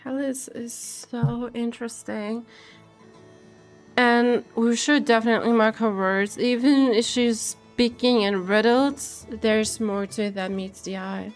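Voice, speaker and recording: A woman giving casual game reaction commentary, thinking aloud in a halting, musing way. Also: on the high side, steady tone. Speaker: streamer. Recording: game music behind the voice.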